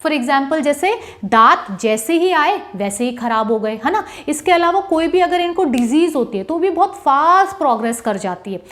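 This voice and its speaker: A woman with a high voice, teaching a lesson in a lively, animated way. She acts out a child's pleading demands and keeps checking that her listeners follow, slipping English terms in as she explains. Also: normal speed. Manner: mixes English terms into Hindi, asks "है ना?" often. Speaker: homeopathy teacher. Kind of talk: explanatory lecture.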